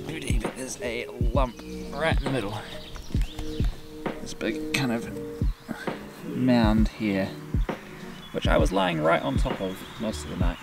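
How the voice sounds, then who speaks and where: Easygoing Kiwi man with a gravelly low voice. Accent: New Zealand. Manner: rambling, easygoing, self-deprecating. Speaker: bicycle touring vlogger. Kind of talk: casual vlog chat to camera. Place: outdoors in a forest campsite and on the road. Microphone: on-camera shotgun mic. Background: background music.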